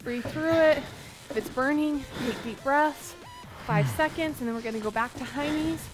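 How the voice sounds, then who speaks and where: A woman's voice: high-pitched, moderate pace, rough recording. A young adult woman coaching a workout as an encouraging aerobics instructor, counting down and cheering people on outdoors. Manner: encouraging, motivational. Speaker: fitness instructor. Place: outdoor covered wooden deck by a pond. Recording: music behind the voice. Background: workout music.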